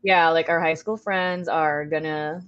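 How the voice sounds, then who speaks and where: Female livestream co-host, lowish voice, casual and informal, slightly dull audio with music behind. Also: steady tone, unhurried, no echo. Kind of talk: casual chat.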